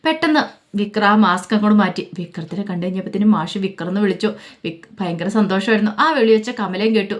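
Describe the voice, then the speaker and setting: A woman's voice: mid-range voice, lively intonation, fast talker. A woman retelling a television serial's story in a conversational way, with fillers. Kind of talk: casual spoken story retelling.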